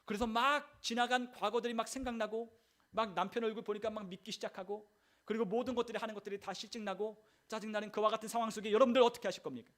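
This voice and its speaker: High-voiced pastor with big swings. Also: male voice, fairly even intonation, fast. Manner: acts out inner voices, wide swings from hushed to loud declarations. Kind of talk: sermon.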